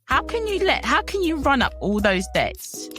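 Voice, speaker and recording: A woman from London chatting on a podcast, agreeing and exclaiming with gentle laughs. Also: sits high, big pitch swings, normal speed, faint music behind. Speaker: podcast co-host. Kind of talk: casual chat.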